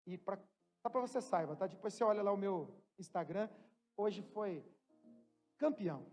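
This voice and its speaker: A Brazilian pastor preaching a sermon. He moves between loud, emphatic preaching and quiet, joking asides to the congregation. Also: sits high, expressive, moderate pace. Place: church hall. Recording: long church reverb, faint music.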